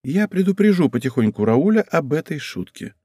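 A man's voice: a little high, very animated, normal speed, mellow, breathy edge, no echo, clean studio sound. Male reader as a sly young courtier: intent, persuasive, audiobook reading. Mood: scheming. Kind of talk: audiobook character voice.

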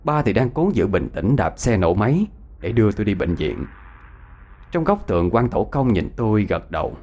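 A man narrating a ghost story in an expressive, dramatic storytelling voice. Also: lowish voice, normal speed.

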